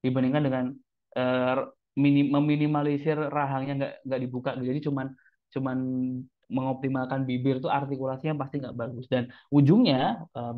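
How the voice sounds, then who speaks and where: A man who works as a speaking trainer gives casual, chatty tips. He speaks straight to his listeners and acts out examples as he goes. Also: medium pitch. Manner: chatty, addresses listeners as friends, demonstrates examples. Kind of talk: casual teaching talk. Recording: tinny phone-like sound.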